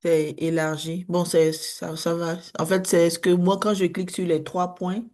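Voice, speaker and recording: A woman taking part in an online workshop, speaking in a hesitant, halting, polite way. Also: lowish voice, little pitch movement, a little mellow. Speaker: workshop participant.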